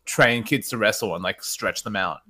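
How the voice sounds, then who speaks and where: A man's voice: lowish voice, normal speed, sharp tone, breathy edge. A man chatting casually as a guest on a podcast.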